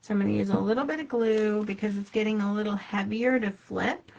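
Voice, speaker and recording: Gravelly and a little mellow, a woman's medium-pitched voice moves fairly quickly as she hosts a quilting shop's live sewing demonstration, talking casually to viewers and to herself while working. She is an adult with a child, and the audio sounds muffled.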